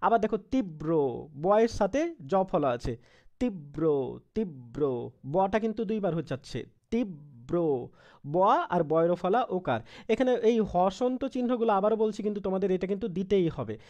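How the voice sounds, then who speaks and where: A teacher with a Bangladeshi Bengali accent gives an online grammar lesson in a patient, steady way. Each example is said more than once, with English words dropped into the explanation. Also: medium pitch, fast.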